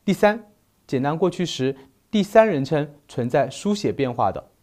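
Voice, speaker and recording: A man teaching a recorded grammar lesson, slowly listing verb forms one by one. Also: a little high, animated, darkish tone. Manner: slow, deliberate, spells out verb forms one by one. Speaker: Spanish teacher.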